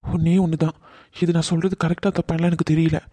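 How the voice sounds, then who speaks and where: A woman's voice: low-pitched, little pitch movement, fast talker, warm tone. A woman voicing an affectionate young husband in a cartoon drama, coaxing and apologetic. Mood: earnest.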